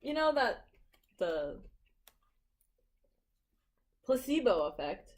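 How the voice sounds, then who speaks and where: A playful woman from St. Louis, quick to laugh, chatting while eating as co-host of a mukbang video. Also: a little high, very animated. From St. Louis, Missouri, US. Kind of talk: casual mukbang chat.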